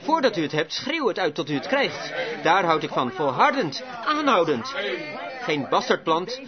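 Man preaching with fervor, high and lively voice, dull lo-fi recording, congregation heard behind him. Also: moderate pace, a crowd in the background. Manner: emphatic, fervent exhortation. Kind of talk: sermon.

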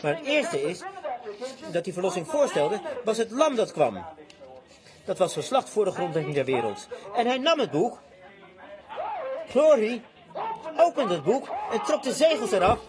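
A man's voice: high voice, very animated, normal speed, long pauses, crowd noise. A man preaching a fervent sermon to a congregation, with cries of amen and repeated words. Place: church before a congregation. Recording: congregation audible behind.

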